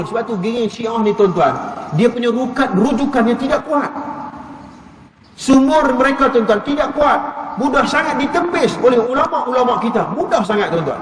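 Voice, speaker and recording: A man with a Kedah Malay accent giving a mosque lecture as a religious teacher, retelling a story and acting out the people in it. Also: high-pitched. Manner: storytelling, acts out quoted speakers. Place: large mosque hall. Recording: echoey hall, voice from far off.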